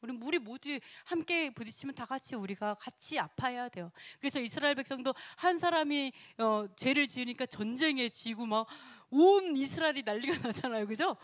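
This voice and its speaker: A woman teaching a casual sermon in a lively way. She laughs often and acts out quoted speech. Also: fairly high pitch, no room sound. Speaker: Bible teacher.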